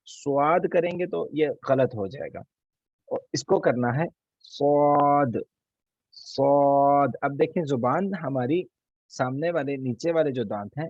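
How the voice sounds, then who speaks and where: A man teaching an online recitation class, patiently repeating each letter slowly so students can copy him. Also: mid-range voice, darkish tone, breathy edge, no room sound, muffled recording. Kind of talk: online tajweed class lesson.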